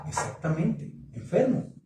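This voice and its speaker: A man preaching at a marriage conference, questioning the congregation in an animated way. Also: high-pitched, unhurried. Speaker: pastor. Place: church hall. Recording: echoey hall, mic from a distance.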